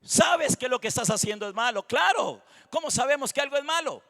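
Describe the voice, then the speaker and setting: A man preaching a passionate sermon, rising to loud cries and dropping to quiet murmurs. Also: expressive, a little fast. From Costa Rica. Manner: impassioned preaching, swinging between loud cries and low murmurs. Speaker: pastor. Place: church sanctuary. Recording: long reverb of a church hall.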